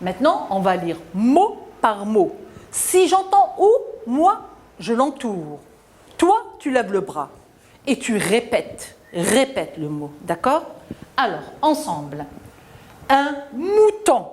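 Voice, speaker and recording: Slow, sing-song woman teacher. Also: big pitch swings, slight background noise. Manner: slow, drawn-out syllables sung up high, then drops low to praise. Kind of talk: televised reading lesson for children.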